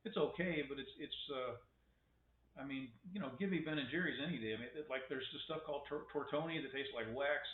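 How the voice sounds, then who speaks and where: A man talking casually to his webcam, rambling and wry, with many restarts and strong opinions. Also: fairly high pitch. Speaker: vlogger. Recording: echoey room, tinny phone-like sound.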